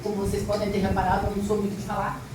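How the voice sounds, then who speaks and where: Before a live audience in an echoey room, a middle-aged storyteller and arts teacher tells stories and chats with listeners directly, meant to be expressive, yet her mid-range voice comes out completely flat and rapid-fire. The mic is distant and the ambience noisy.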